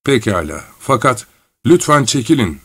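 A man's voice: mid-range voice, lively intonation, a little slow, no room sound, studio quality, voice pushed up, close to an everyday voice. A man voicing a harried male office cashier who pleads with a crowd in a raised voice, read as part of a storybook. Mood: harried pleading.

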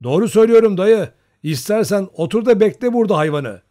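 A man's voice: high voice, lively intonation, normal speed, a little mellow, pitched above the performer's own voice. A man doing a teasing young Cossack prankster.

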